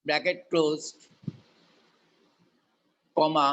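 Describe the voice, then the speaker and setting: A man's voice: on the high side, flat delivery, very slow, fairly bright tone, muffled recording. A male teacher with a Bengali accent dictating to a class word by word, repeating and spelling things out.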